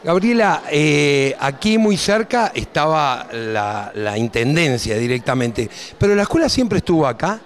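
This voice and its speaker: A middle-aged Argentine man hosts a local TV segment with a handheld mic. His voice sits a bit higher than most men's. He keeps his guests talking with friendly, prompting questions. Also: sing-song, a little slow. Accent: Argentine Spanish. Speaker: TV interviewer. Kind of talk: local TV interview.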